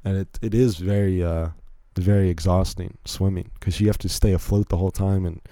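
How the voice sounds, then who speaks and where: A young Virginia man hosts a solo podcast in a low, warm, steady voice, talking a little fast. He rambles casually, often restarting and tossing in self-deprecating asides, and the studio-quality sound has no echo.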